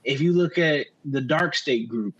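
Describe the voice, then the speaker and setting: A man's voice: mid-range voice, a little slow, a bit bright, breathy edge, lo-fi sound. A man co-hosting a podcast, talking wrestling in a casual, slangy way and swearing freely. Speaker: podcast co-host.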